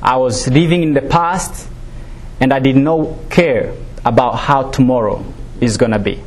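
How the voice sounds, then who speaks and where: A Rwandan student speaker shares his personal testimony, sounding nervous and halting, with many fillers and restarts. His voice is mid-range, and there is slight background noise.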